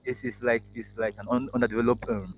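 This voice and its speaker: Speaking with a medium pitch and a level tone, this Yoruba-speaking AI engineer halts often, restarting and using fillers. He's a guest in a casual interview over video call, sitting in an indoor office, and his laptop mic gives noisy audio.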